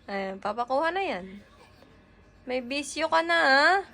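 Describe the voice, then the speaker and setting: A young woman babysitting a baby, talking in soft, coaxing, singsong baby talk that often drops to a hush. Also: high voice, expressive, unhurried, gravelly, slight background noise. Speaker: older sister babysitting a baby. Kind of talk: casual baby talk in home vlog.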